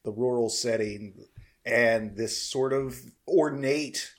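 A man hosting a laid-back review podcast, speaking at a middling pitch. He talks loosely and jokes around, with a ready laugh. His delivery stays easygoing and conversational. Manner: loose, joking, quick to laugh. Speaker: podcast host. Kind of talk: casual review chat.

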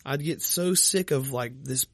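Gravelly man rambling with heavy swearing. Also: mid-range voice, measured pace, dry recording. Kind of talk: profane casual chat.

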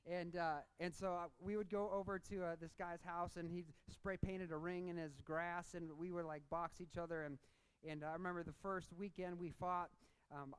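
A man preaching a sermon with passion and repeated phrases, then telling a personal story in a relaxed, chatty way. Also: high voice, clean tone, rough recording. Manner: impassioned preaching that turns into casual storytelling; repeats phrases for emphasis, rising and dropping in force. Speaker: pastor.

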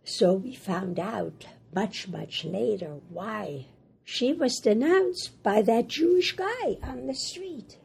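An older woman who grew up in Germany, speaking English as a second language, recounts her life in an oral history interview in a raspy, hoarse voice, halting and plain. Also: on the high side, animated, darkish tone. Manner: halting, plain-spoken, repeats words. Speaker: Holocaust survivor interviewee.

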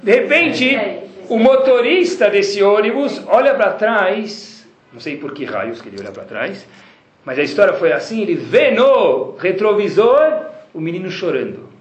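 A man with a Brazilian Portuguese accent, teaching a religious class as a lively storyteller who keeps addressing his listeners with rhetorical questions. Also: high voice, unhurried. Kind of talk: lecture to a class. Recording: roomy, with faint background noise.

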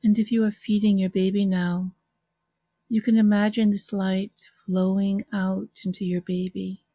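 A woman leads a guided relaxation in a soft, soothing manner. Her voice is mellow and very slow, with long pauses between phrases. The sound is close and dry. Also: mid-range voice, flat delivery, dry recording. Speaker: interview guest, author and hypnotherapy practitioner.

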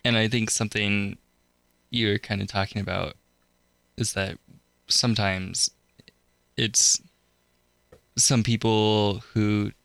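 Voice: low voice, fairly even intonation, takes it slowly, gravelly, long pauses, a bit bright, dry recording. A young adult co-hosting a college radio podcast in casual chat, laid-back with dry quips. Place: radio studio.

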